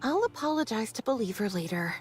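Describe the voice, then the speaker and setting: A woman voicing a polite, precise squad member in a game who gently scolds her teammates. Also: a little high, very animated, fairly quick, faint music behind. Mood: earnest. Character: proper, scolding young woman on a team. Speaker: game character. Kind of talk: game voice acting.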